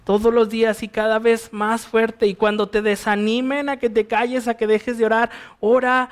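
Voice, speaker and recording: A man with a Mexican accent gives verse-by-verse Bible teaching from the pulpit. His voice sits high for a man. He keeps a conversational tone and often turns rhetorical questions toward his listeners. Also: level tone, moderate pace, clean tone. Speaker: pastor.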